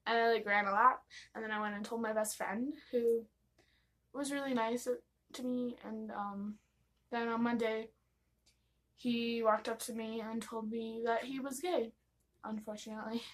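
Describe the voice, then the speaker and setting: A woman's voice: on the high side, steady tone, normal speed, fairly bright tone, poor audio. A young American woman telling personal stories in a casual vlog, gossipy, giggly and rambling, acting out bits of dialogue as she goes. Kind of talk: casual confessional storytime.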